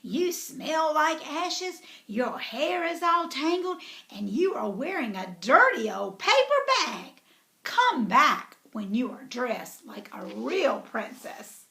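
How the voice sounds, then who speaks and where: A woman's voice: high voice, very animated, takes it slowly, vocal fry, pushed and bright, full character voice. Woman doing a snooty vain prince.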